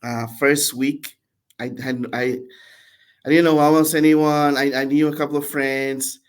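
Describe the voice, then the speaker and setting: A man in his forties from Brazil, a podcast guest telling his story in a relaxed, chatty way with frequent restarts and laughs. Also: a little high, measured pace, smooth. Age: 40s. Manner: warm, laughing, many restarts and repeated words. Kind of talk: casual storytelling interview.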